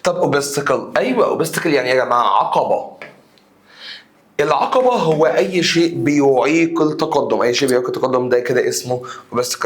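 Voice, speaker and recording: A man with an Egyptian Arabic accent teaching an English exam review, asking the students rhetorical questions and answering them with emphasis. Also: mid-range voice.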